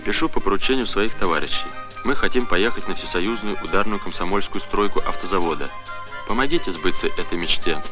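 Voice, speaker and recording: Deep-voiced earnest young worker, old newsreel man acting. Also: a little fast, lightly acted. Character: earnest young male worker writing a letter. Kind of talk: letter read aloud in an old newsreel. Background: music.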